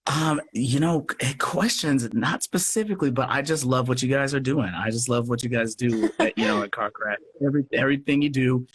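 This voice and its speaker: Husky and a little fast, this mid-range voice barely pauses at all. It belongs to a radio play producer speaking casually as a guest on a noisy livestream call, earnest and effusive, often revisiting his phrases.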